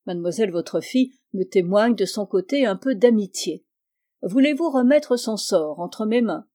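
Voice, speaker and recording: A woman reading aloud gives voice to a calm, courteous nobleman who keeps his words measured and polite. Her tone is warm and mellow, with no strain. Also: medium pitch, lightly acted. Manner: composed and measured. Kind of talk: audiobook reading.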